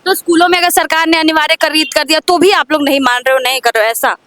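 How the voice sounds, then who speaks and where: A woman's voice: sits high, fast, a bit bright. A woman doing a street interview, pressing her questions in an argumentative way.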